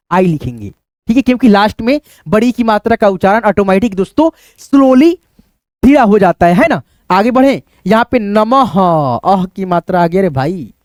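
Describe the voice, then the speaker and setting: With a high, slightly mellow voice recorded cleanly in a studio without echo, a male English teacher patiently walks students through spelling one step at a time. He keeps checking on them, saying "ok" and "friends" repeatedly while thinking aloud as he writes on a board or screen.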